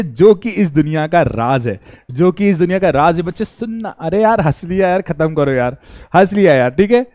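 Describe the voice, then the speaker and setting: A man's voice: sits high, darkish tone, dry recording, clean studio sound. A man teaching an online science class. He jokes and teases his students, sings snatches of songs, and asks questions that he answers himself. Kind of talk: live class lecture, joking with students.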